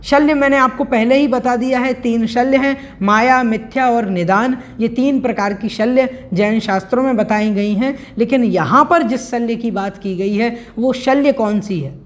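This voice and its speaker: A woman teaching an online scripture class, patiently explaining verses, chanting them slowly and drilling pronunciation. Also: fairly high pitch.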